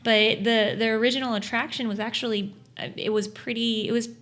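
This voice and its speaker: A woman's voice: a little high, level tone, a little fast, a bit bright. A woman co-hosting a podcast in casual chat, explaining at length with many fillers and restarts. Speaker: podcast co-host.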